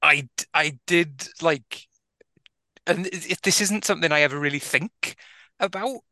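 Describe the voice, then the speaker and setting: A man's voice: fairly high pitch, normal speed, pushed and bright, dry recording. A man with a South Wales accent co-hosting a casual film-review podcast, rambling, swearing and laughing often. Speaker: podcast co-host.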